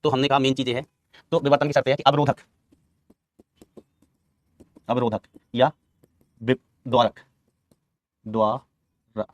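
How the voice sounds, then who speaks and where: A man's voice: mid-range voice, dry recording. A male physics teacher giving a classroom lecture, quizzing his students, answering his own questions and repeating key terms, calling them son and brother.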